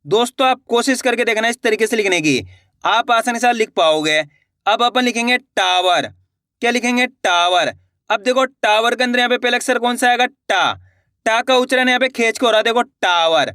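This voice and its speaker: A man's voice: extremely high pitch, bright, forceful tone, no echo, studio quality. A man teaching children's reading, drawing out each syllable and quizzing the viewer as he writes words out. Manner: slow, drawn-out spelling of syllables, quizzing the viewer. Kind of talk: Hindi reading lesson.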